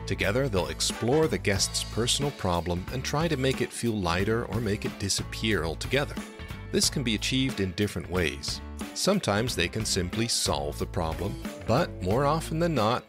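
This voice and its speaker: A man reading a podcast's scripted introduction in a calm, measured way. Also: on the low side. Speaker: podcast announcer. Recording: narration over guitar music.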